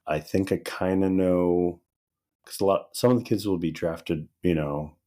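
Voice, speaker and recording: A man in his thirties co-hosting a casual podcast, his voice a little raspy and dry from a recent loss of voice, telling stories with easy laughs. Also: low voice, a little slow. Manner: relaxed storytelling, laughing often. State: hoarse, recovering voice. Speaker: podcast co-host. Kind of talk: casual chat.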